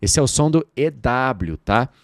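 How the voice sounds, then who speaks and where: A Brazilian man whose first language is Portuguese teaches an English lesson, drilling each phrase slowly and repeating it. His pitch swings widely and his delivery is unhurried, with a dry, close sound. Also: expressive, dry recording.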